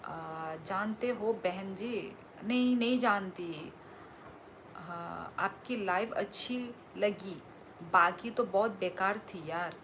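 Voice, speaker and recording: A woman's voice: mid-range voice, takes it slowly, a bit bright, slight background noise, poor audio. A woman from Tripura, hosting a casual livestream. She reads out viewer comments and answers them in a teasing, playful way. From Tripura, India. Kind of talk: casual live-stream chat.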